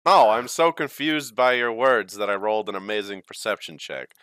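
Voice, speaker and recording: A man playing a tabletop game, chatting in a slow, bemused way and laughing often. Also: fairly low pitch, expressive, fairly bright tone, clear, resonant tone. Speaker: player. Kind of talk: casual game chat.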